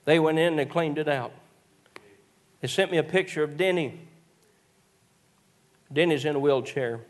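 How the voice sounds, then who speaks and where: A male preacher, telling folksy stories in a sermon and rising into shouted exhortations. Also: on the high side, normal speed. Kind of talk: sermon with storytelling.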